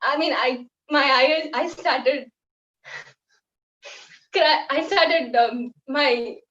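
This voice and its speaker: Young Indian woman, halting and heartfelt. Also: high voice, a bit bright. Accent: Indian English. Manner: halting, heartfelt, with many fillers. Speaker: guest volunteer. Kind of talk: personal storytelling. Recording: echoey, distant, dull sound.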